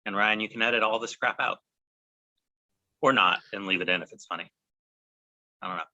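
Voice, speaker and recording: A man speaks from his home over a video call that keeps breaking up and sounding choppy. His delivery is relaxed and hesitant, full of ums, and his voice is bright and sharp with a husky edge in a lowish register. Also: a little fast, dull audio. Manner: relaxed, hesitant, many fillers. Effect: choppy, cutting-out video call connection. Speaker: co-host of a business talk video. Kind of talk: casual chat.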